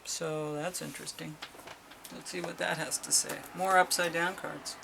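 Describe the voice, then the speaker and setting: A woman's voice: low voice, steady tone, moderate pace, creaky, noisy background. A middle-aged woman doing a casual tarot reading, chatty and exclamatory as she reads card meanings aloud. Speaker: tarot reader.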